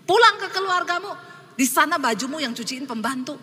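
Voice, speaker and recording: A woman's voice: sits high, expressive, a little fast, bright, forceful tone, big-room sound, slight background noise, voice pushed up. A woman pastor voicing a scornful devil tempter in a sermon, speaking in a mocking, insulting tone.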